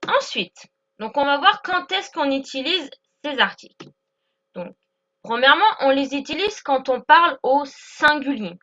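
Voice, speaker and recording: A woman gives a patient grammar lesson, slowing down to spell out each example and asking if it's clear. Her voice sits high and sharp-toned. The recording sounds somewhat dull and lo-fi. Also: animated. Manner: patient, repeats examples slowly, checks with "d'accord?". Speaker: English teacher. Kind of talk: explaining English grammar lesson.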